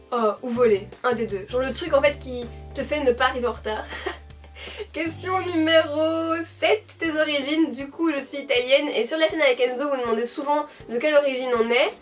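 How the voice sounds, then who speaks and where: A woman's voice: high voice, distant mic. A woman of twenty-four with a Belgian French accent from Hainaut, chatting casually to camera at home as a YouTuber, rambling along with fillers and self-corrections. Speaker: beauty YouTuber answering a tag. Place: at home, indoors.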